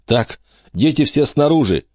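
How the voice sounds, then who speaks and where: A male narrator voicing a brave teenage boy, hoarse from smoke, giving brisk, clipped orders. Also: a little high, expressive, darkish tone, dry recording, studio quality, pitched above the performer's own voice. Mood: commanding.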